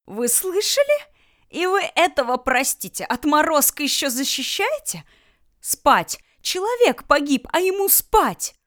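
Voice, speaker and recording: A woman doing a shrill, squealing indignant older lady. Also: expressive, moderate pace, natural voice. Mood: shrieking. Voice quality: shrieking, squealing. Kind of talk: audiobook character voice.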